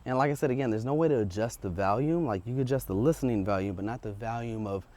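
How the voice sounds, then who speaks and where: Quick-paced and warm, this medium-pitched man chats informally and thinks aloud while walking up a residential street outdoors. He's a vlogger testing audio gear, recording a casual unscripted vlog on a wireless lavalier clipped to his shirt.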